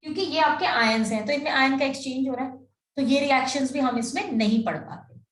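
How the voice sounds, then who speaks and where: High-voiced woman tutor in an echoey room. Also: a little fast. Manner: mixes Hindi and English, keeps checking if students follow. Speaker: chemistry tutor. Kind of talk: classroom lecture. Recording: echoey room, mic at a distance.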